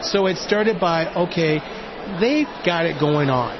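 A man with a fairly high voice speaks earnestly and emphatically in an interview. He was recorded outdoors, with clear city traffic noise behind him. The audio is dull and lo-fi. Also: animated, unhurried, crowd noise. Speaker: interviewee, community project founder.

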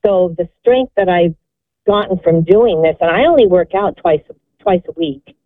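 A woman's voice: fairly low pitch, lively intonation, moderate pace, dry recording. Earnest woman in her sixties on the phone. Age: 60s. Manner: earnest, encouraging, rambling. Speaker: caller. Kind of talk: call-in show testimony. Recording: phone-line sound.

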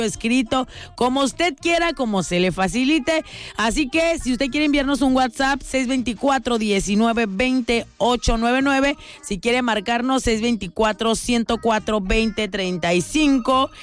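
A Mexican woman hosting a call-in radio show, affectionate and teasing with her listeners. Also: fairly high pitch. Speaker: radio host.

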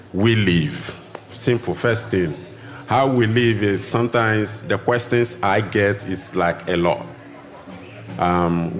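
Ghanaian man, lively and low-voiced. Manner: animated, acts out greetings in a high voice. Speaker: drumming teacher and guest. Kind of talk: casual interview talk. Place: outdoor festival live broadcast.

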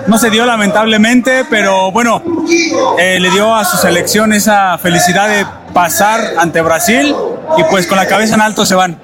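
A Mexican man fan answers a reporter calmly in a high voice. A loud crowd roars around him. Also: moderate pace. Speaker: interviewed fan. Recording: loud street crowd behind.

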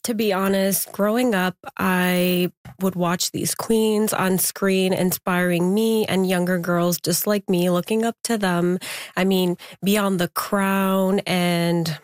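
A woman in her twenties, originally from Afghanistan, answering interview questions openly and earnestly, with soft laughs. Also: on the low side, fairly even intonation, takes it slowly, no room sound, clean studio sound. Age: 20s. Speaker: interview guest, pageant contestant. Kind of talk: recorded interview.

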